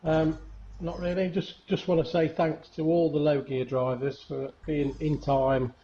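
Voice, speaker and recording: A man's voice: a little high, flat delivery, unhurried, dark tone. A man from a racing league thanking the drivers and commentators in a casual way. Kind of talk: casual chat. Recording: dull lo-fi mic with faint noise.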